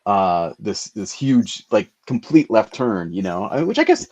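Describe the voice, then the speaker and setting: A man's voice: on the low side, sing-song, measured pace, a little mellow. A man hosting a casual interview, rambling through questions with many restarts. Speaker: host.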